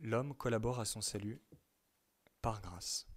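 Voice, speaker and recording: Man giving a measured religious teaching. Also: fairly low pitch. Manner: measured, emphatic delivery, stressing key words; reads quotations aloud. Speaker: teacher at a youth retreat.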